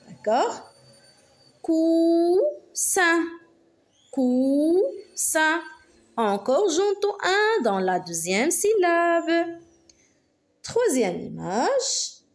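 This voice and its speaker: Woman teacher, fairly high voice, very slow and deliberate, phonics for young kids. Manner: slow, carefully articulated, repeats words twice. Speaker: primary school teacher.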